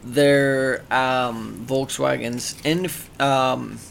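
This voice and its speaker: A man's voice: medium pitch, fairly even intonation, very slow, gravelly, fairly bright tone, slight background noise. A tipsy man co-hosting a casual podcast, rambling, swearing and stumbling over his words. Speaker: podcast co-host. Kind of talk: casual chat.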